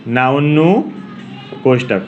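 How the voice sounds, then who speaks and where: A man's voice: medium pitch, takes it slowly, dull audio, faint music behind. A man with a Gujarati accent teaching English grammar to a class, asking questions and repeating key words.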